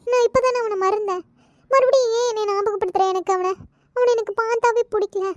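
A woman's voice: very high voice, darkish tone, no echo, voice pushed up. A woman voicing a heartbroken young woman, a college student, in a cartoon comedy, speaking in a tearful, pleading way. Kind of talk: cartoon voice acting.

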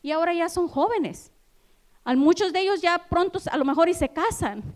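A woman preaching a sermon in a church, addressing the congregation with rhetorical questions and building to loud, passionate exhortation. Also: very high-pitched, animated, normal speed. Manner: addresses listeners as brother, asks rhetorical questions.

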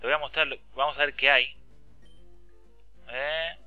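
Argentine guy playing a game and talking over it, super bright tense voice, cusses a lot, dull lo-fi dry mic, faint game music. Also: on the high side, fairly even intonation, unhurried, no room sound. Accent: Argentine Spanish. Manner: chatty, swears often, reads game text aloud, rants. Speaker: gameplay commentator. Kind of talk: casual game commentary.

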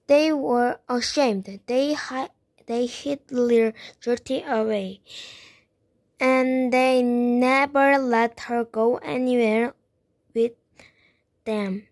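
Slow, gentle woman reading a children's story. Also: fairly high pitch, fairly even intonation, no echo. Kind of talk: children's read-aloud narration.

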